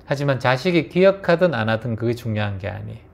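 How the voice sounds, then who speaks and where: A man's voice: mid-range voice, lively intonation, quick pace, vocal fry, a little mellow. A man giving a meditation dharma talk with emphatic, repetitive exhortation that rises to fervent peaks. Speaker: meditation teacher.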